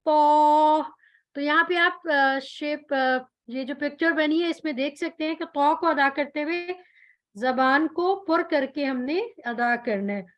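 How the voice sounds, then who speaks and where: Female recitation teacher, high and slow, patient explainer who lingers on each letter sound. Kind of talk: tajweed pronunciation lesson.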